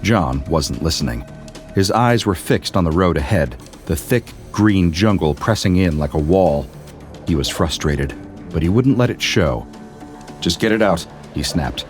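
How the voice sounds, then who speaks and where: A man narrating a scripted horror story in a steady, measured way. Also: deep voice, soft background music.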